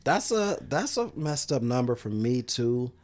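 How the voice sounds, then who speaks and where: An animated man co-hosting a casual sports betting chat, his voice at a middle pitch that rises and falls a lot. He often stops and restarts mid-sentence and fills gaps with "um" and "you know". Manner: animated, halting, many restarts and fillers. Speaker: podcast co-host.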